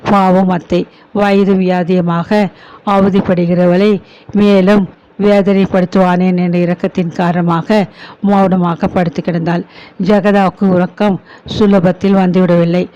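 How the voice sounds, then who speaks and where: A man narrates an audiobook story at a steady, measured pace. His voice sits high but stays flat in pitch. The recording sounds dull and lo-fi. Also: a little hiss or hum.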